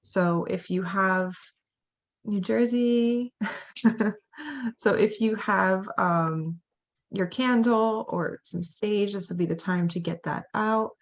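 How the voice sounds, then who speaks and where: A woman hosting a live video stream as an astrologer, talking in a quick, friendly way. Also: mid-range voice, fairly even intonation. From United States. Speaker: astrologer host. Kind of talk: casual livestream hosting.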